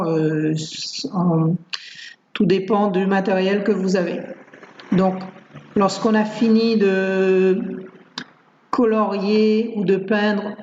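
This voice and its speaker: A woman teacher explains school activities in a calm, patient way, pausing often on fillers. Her voice sits at a middle pitch. The home recording sounds roomy and a little dull. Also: slight background noise. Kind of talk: explaining worksheets in a screencast.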